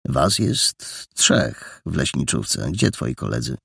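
A man voicing a mysterious, cunning stranger who questions a boy in a gentle, coaxing way. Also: rumbling low, very animated, slow pace, gravelly, breathy edge, no echo, clean studio sound, voice pushed down, heavily acted. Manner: gentle, coaxing, then sharp. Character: mysterious grown man, soft-spoken, cunning interrogator.

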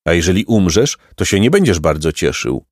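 A man's voice: deep voice, very animated, fairly quick, no echo, studio quality. A man voicing two curious young boys on a journey, who keep asking plain questions, in a storybook reading.

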